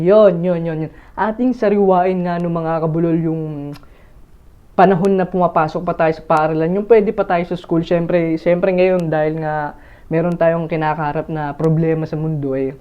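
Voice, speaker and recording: A man's voice: high-pitched, muffled recording. A man vlogging casually, rambling with lots of fillers and restarts while he talks straight to his viewers through an earphone mic. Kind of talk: casual chatty vlog.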